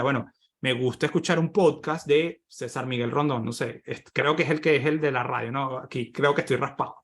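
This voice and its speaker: A man from Venezuela teaching an online workshop on presentation skills, explaining points and often tagging sentences with quick questions to his audience. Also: fairly high pitch, fairly bright tone. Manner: explanatory, with many rhetorical tag questions. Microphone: computer microphone on a video call.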